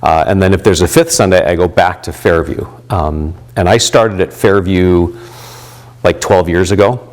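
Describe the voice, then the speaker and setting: A man's voice: low voice, moderate pace, darkish tone. A man in his fifties, a volunteer pastor, talking reflectively in an interview with many fillers and restarts. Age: 50s.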